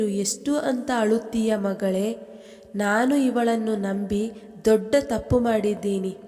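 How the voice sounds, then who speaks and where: A woman's voice: on the high side, dark tone, long reverb tail. A woman voicing a middle-aged mother-in-law who soothes her daughter-in-law and apologises to her, in a storybook reading.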